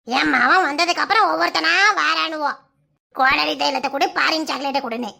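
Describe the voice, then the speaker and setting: A fussy village mother in a cartoon scolds in a squeaky, gravelly voice with a Kanyakumari Tamil accent, as a woman puts her on. Her tone is bright and sharp, and she keeps nagging at her grown son. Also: brisk, heavily acted.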